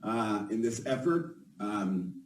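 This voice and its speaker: A man giving an informal inaugural speech as a new mayor, halting and pausing often. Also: fairly low pitch, animated. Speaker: newly elected mayor. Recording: echoey room, distant from mic.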